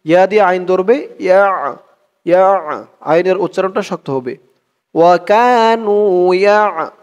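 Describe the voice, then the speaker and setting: Man, recitation teacher, high voice, very slow chanting, brisk spoken tips between verses, long hall echo. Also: darkish tone, muffled recording. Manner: recites verses slowly and drawn out, then explains pronunciation rules rapidly. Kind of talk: tajweed lesson, slow chanted recitation with quick spoken explanations.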